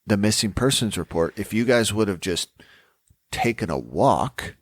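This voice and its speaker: Animated man co-host with a lowish voice. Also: normal speed, no room sound, studio quality. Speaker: podcast co-host. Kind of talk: casual true-crime discussion.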